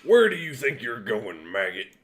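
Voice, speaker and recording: A man's voice: medium pitch, very animated, moderate pace, slight background noise, pitched above the performer's own voice. A man doing a bellowing drill sergeant. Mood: barking. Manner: barking, shouting insults. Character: loud abusive male drill sergeant.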